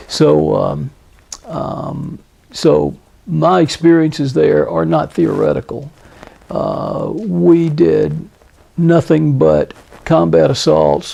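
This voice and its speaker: An American man in his seventies, a war veteran recounting his memories in a deliberate way, with hesitant pauses and emphatic phrases, in a gravelly, husky voice. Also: a little high, mellow. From Tennessee, United States. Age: 70s. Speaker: Vietnam veteran being interviewed.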